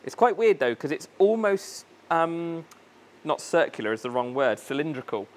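A man's voice: on the high side, sing-song, moderate pace, slight background noise. A man hosting a casual unboxing vlog in his aquarium shop, chatty and enthusiastic, thinking aloud and tripping over plant names. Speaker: fish shop owner and video host.

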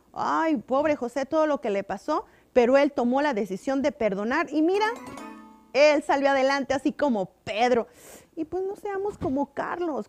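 High-voiced woman teaching kids. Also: a little hiss or hum. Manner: animated, sing-song, asks kids questions. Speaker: children's church teacher. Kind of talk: object lesson for kids.

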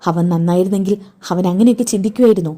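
A woman's voice: medium pitch, very fast, mellow, natural voice. A woman voicing a worried, protective young woman who questions urgently.

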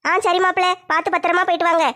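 A woman's voice: very high voice, level tone, very fast, pushed and bright. A woman playing a fussy doting mother-in-law. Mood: fussing. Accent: southern Tamil Nadu. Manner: fretful, pleading.

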